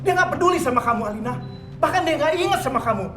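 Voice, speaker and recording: An actor playing a menacing, domineering villainous father who bullies and shouts orders in a TV drama. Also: extremely high pitch, lively intonation, fast, roomy sound, over music. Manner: harsh, bullying, shouts orders. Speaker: scheming father.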